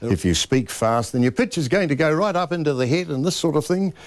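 A man's voice: fairly high pitch, expressive, fairly quick, no room sound. A man, working as a voice coach, explaining speech habits in an interview and demonstrating pronunciation precisely.

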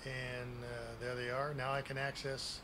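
A man's voice: medium pitch, level tone, a little slow. A grandpa-like man in his sixties giving a casual, unscripted game tour in a folksy, plain-spoken way at a desk microphone. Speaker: gaming video creator giving a base tour. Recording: clearly noisy home recording.

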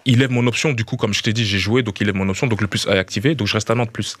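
This Belgian man from Liège talks fast, a footballer guest in a relaxed radio interview who repeats words while hunting for them and says "tu vois" a lot. His fairly low voice is a bit bright and husky. The small-studio recording, made on a studio mic with headphones, is dry.

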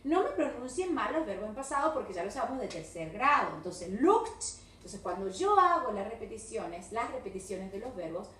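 Argentine woman, English teacher, high bright voice, roomy and distant recording. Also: very animated, a little hiss or hum. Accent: Argentine Spanish. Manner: slow, drilled English words mixed with brisk Spanish explanations. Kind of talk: recorded video class feedback. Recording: echoey room, voice a bit far from the mic.

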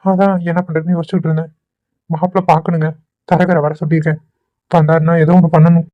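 Dull audio carries a mid-range voice that barely moves in pitch and is only lightly acted. The performer voices a caring young cartoon man for Tweencraft, concerned and anxious, pleading as he rushes through his words.

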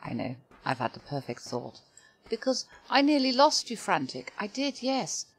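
Older woman, gravelly, chatty gamer. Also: mid-range voice, very animated, moderate pace, slight background noise. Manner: chatty, talks to her pets, frequent sighs and exclamations. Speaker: gaming video host. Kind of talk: casual let's-play commentary. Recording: game music playing behind.

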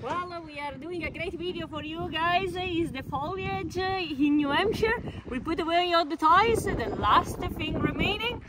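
A woman, chatting to camera in an upbeat, excited way outdoors. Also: very high-pitched, normal speed, hardly any pauses, a loud crowd, poor audio. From Italy. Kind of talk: casual vlog chat to camera. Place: outdoors at a lakeside, a few steps from the camera. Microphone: camera mic at a short distance.

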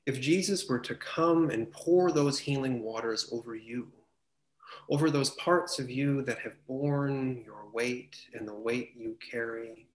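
Male pastor, gentle sermon delivery, unhurried, reverberant room. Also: mid-range voice. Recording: roomy church with faint noise.

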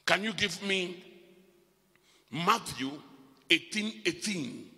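A man preaching a live church sermon as bishop, swinging between loud emphatic calls and quiet asides. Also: fairly high pitch, gravelly, in a large hall.

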